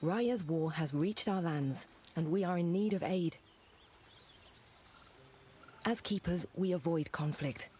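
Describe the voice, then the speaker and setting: Grave female keeper envoy for a fantasy game: lowish voice, formal, earnest, faint noise behind. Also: takes it slowly, pauses often, mellow. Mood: solemn, urgent. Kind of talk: scripted video game dialogue.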